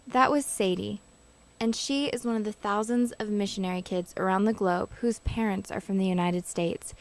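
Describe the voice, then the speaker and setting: A woman's voice: mid-range voice, steady tone, normal speed. Woman narrating a student news feature. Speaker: interviewer and narrator.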